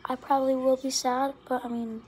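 A woman's voice: high-pitched, flat delivery, fairly quick, darkish tone, slight background noise. A teenage girl or young woman vlogging to camera in a whiny, dramatic way, sometimes dropping to a whisper. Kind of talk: casual vlog talk to camera.

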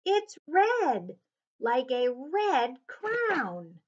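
A woman reading the lines of an eager young girl who leads the search in a storybook, in a slow, expressive storybook delivery. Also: sits high, highs cut off, pitched above the performer's own voice, exaggerated voice. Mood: excited.

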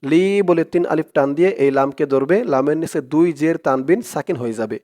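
A man with a Bangladeshi Bengali accent teaching Quran reading, spelling out letters and vowel marks one by one, then reciting each phrase slowly with long drawn-out vowels. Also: on the high side, a little mellow. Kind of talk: step-by-step Arabic reading lesson.

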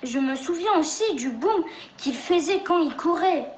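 In a roomy recording with faint noise, a woman narrates a children's storybook. Her voice is very high and bright, and she takes her time. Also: lively intonation, a little slow.

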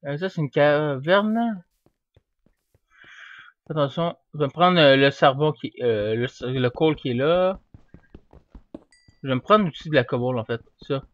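Brief: young gamer, fairly high voice, rambling play-by-play, dull dry desk mic. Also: male voice, unhurried, pauses often, no room sound. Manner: rambling, easily excited, yells at the game. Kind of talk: casual gameplay commentary. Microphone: desk microphone.

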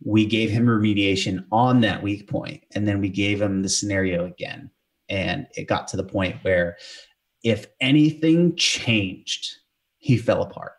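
Low-voiced man explaining emphatically. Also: unhurried. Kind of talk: casual podcast conversation.

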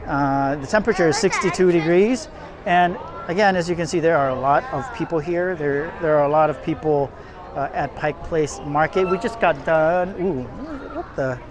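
Holding the camera as he walks, an off-screen male vlogger talks his way through a casual city-street tour at a moderate pace, his pitch fairly high. He rambles, with frequent fillers and restarts, over a backdrop of crowd chatter and traffic.

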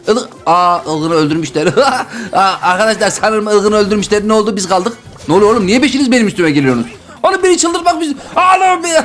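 A man giving excitable gameplay commentary as a YouTuber, often exclaiming and yelling. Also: extremely high pitch. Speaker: gaming YouTuber.

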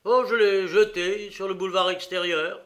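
A man voicing an enraged male prisoner in his thirties who shouts a defiant murder confession, in a storybook reading. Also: high-pitched, flat delivery, normal speed, pitched above the performer's own voice. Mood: bitter.

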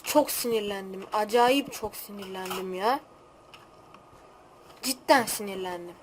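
A teenage girl hosting a gaming channel, giving excitable, hot-tempered gameplay commentary full of trash talk. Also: mid-range voice, unhurried, slight background noise.

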